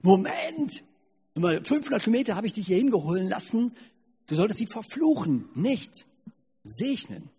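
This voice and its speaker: A man voicing a pushy, excitable rich king in a retold Bible story, loud and indignant. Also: on the high side, fast, creaky, breathy edge, full character voice. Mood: outraged. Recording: long hall reverb.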